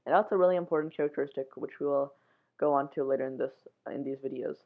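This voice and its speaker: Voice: mid-range voice, fast. A science show host giving a casual, informal explainer in plain steps. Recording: muffled, phone-like narrow sound.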